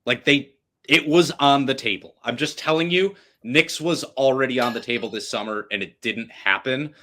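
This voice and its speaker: Male podcast co-host, bright edge, playful and jokey. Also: medium pitch, moderate pace. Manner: joking, playful, exaggerated groans. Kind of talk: casual sports podcast banter.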